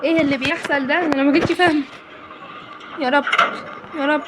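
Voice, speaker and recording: A woman's voice: sits high, steady tone, fast. A young Egyptian woman with an Egyptian Arabic accent, giving jittery, exasperated commentary on a horror game as she talks to her viewers. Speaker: gaming YouTuber. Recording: loud background noise and clicks.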